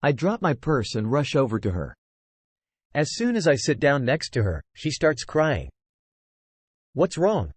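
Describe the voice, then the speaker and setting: Man reading an audiobook with lively pitch. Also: moderate pace, breathy edge, no room sound. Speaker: audiobook narrator. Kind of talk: scripted first-person audiobook narration.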